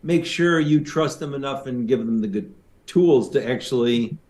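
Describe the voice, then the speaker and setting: A man co-hosting a business podcast, chatting casually with lots of fillers and quick agreeing replies. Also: medium pitch, a little mellow. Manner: conversational, many fillers, affirming "yeah". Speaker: podcast co-host, consultant.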